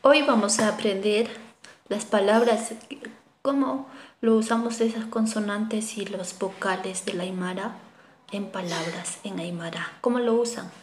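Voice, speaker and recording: A woman teaching a language lesson, saying each word slowly and repeating it for learners to echo. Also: medium pitch, a little hiss or hum.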